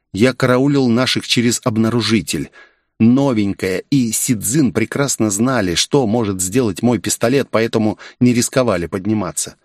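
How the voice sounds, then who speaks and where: A man reading a first-person action story in a steady, measured storytelling manner. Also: on the low side, no room sound, clean studio sound. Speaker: audiobook narrator. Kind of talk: first-person audiobook narration.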